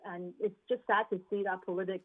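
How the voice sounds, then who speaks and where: A Hong Kong woman who works as a venture investor answers news interview questions thoughtfully over a remote video link, restarting sentences and using fillers. Her mid-range voice moves little in pitch and runs fairly quick, carried on a tinny remote call line.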